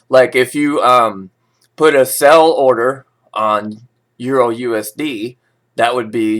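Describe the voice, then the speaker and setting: This man, a vlogger with a lowish, slightly bright voice, mixes read-out financial news about forex with casual, meandering talk and informal, opinionated remarks of his own.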